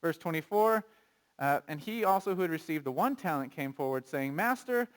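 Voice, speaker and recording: Man, pastor, conversational sermon, lively, fairly high voice. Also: normal speed, clear, resonant tone. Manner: conversational, animated preaching with rhetorical questions; reads scripture aloud.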